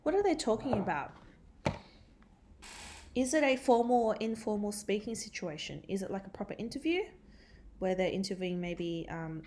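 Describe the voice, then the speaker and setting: A woman's voice: medium pitch, a little mellow. A woman teacher giving a recorded catch-up lesson, explaining step by step with frequent ums and uhs. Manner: explains step by step with many fillers.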